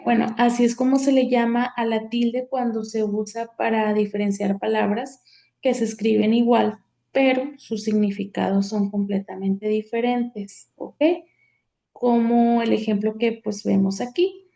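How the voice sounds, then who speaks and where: Slow, gravelly woman teacher. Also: fairly high pitch, flat delivery, dark tone. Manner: halting, many fillers, reads from slides. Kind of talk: slide lecture on accent rules.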